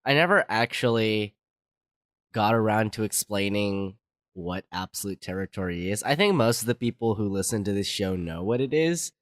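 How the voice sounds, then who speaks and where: Guy with a sick voice cohosting a podcast, dry jokes, lively pitch. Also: normal speed, no echo. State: sick, ill voice. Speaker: podcast co-host. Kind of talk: casual chat.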